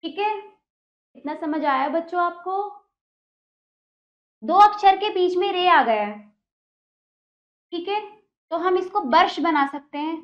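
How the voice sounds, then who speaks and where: A woman's voice: very high-pitched, animated, slow, long pauses, highs cut off. A woman teacher giving a spelling lesson to young children, explaining patiently step by step with repeated examples.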